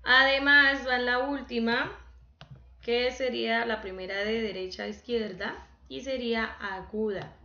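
A woman teacher giving an online class, speaking slowly and patiently and counting syllables aloud. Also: a little high, steady tone, sharp tone, echoey room, lo-fi sound.

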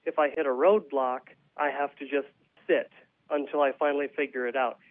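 A man calls into a radio show to be interviewed as a playwright, reflecting on his thoughts conversationally. His voice is mid-range with fairly even intonation and a brisk pace. The phone line sounds tinny and narrow.

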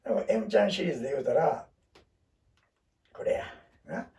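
Chatty older Kansai man with gravelly voice. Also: a little high, sing-song, moderate pace, darkish tone, distant mic. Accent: Kansai Japanese. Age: 70s. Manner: chatty, rambling, self-deprecating, jokes and laughs. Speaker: vlogger. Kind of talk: casual monologue to viewers.

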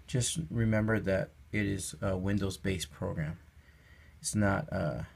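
A man with a husky, gravelly voice hosting a casual product review. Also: sits low, fairly even intonation, measured pace, darkish tone. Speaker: host of a budget product review channel.

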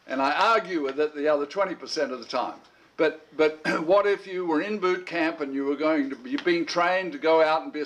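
A middle-aged man with a slightly bright voice, a bit higher than most men's, teaches an informal Bible school lesson. His talk rambles conversationally, repeating words as he restarts sentences, and he clears his throat now and then between thoughts.

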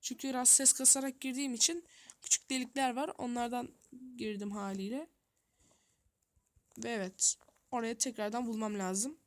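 A gaming YouTuber gives a running commentary on her play, thinking out loud, speaking directly to viewers and muttering to herself in a flustered way. Her voice is fairly high and steady, at a normal speed with frequent pauses.

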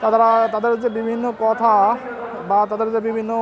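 A man's voice: very high-pitched, brisk, muffled recording. A man reporting live from a street protest in light rain, steadily describing the scene for viewers. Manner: steady commentary with fillers, pointing viewers to the scene. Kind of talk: live on-the-spot news report. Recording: street recording with loud crowd. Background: crowd chanting slogans.

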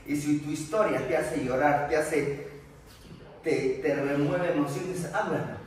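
A man's voice: fairly high pitch, fairly even intonation, a little slow. A man giving an emphatic motivational talk to a group during a workout, often repeating his questions. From Peru. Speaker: motivational coach. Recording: echoey room, far from mic, faint noise.

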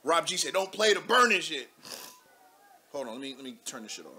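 A man in his thirties hosting a live political call-in show from a studio desk, talking loud and animated with casual slang and cursing. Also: fairly high pitch, brisk. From United States. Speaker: talk show host.

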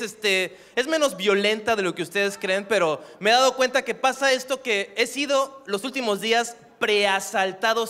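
High-voiced deadpan Mexican comedian. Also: male voice, big-room sound. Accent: Mexican Spanish, non-coastal. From Acapulco, Mexico. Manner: deadpan, dark, addresses the crowd. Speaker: stand-up comedian. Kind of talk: stand-up comedy set. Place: comedy stage before a live audience.

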